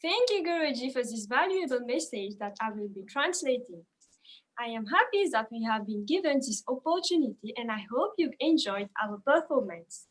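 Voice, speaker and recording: A woman's voice: a little high, low-quality recording. A woman making formal announcements and translations for a music group.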